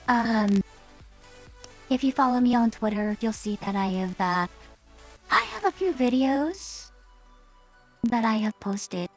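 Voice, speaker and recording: A woman's voice: fairly high pitch, lively intonation, slow, pauses often, soft background music, poor audio. A woman VTuber chatting casually on stream through a staticky voice changer that cuts out, rambling with hesitant fillers.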